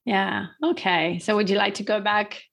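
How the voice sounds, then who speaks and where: A woman's voice: medium pitch, steady tone, moderate pace, vocal fry, a bit bright. A woman co-hosting a podcast, chatting casually and asking questions in a friendly way, laughing often. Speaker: podcast co-host. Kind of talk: casual interview chat.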